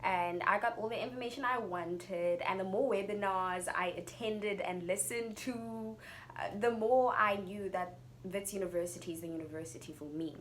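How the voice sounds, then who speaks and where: A woman's voice: mid-range voice, normal speed, fairly bright tone. Young South African woman vlogging over background noise. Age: young adult. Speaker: YouTuber telling a personal story. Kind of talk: casual storytime vlog.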